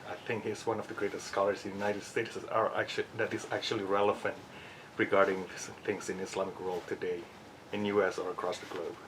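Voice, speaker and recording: Man from Indonesia, invited guest; low, flat voice, polite and formal, noisy room. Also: quick pace. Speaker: guest attending a Q&A. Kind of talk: self-introduction.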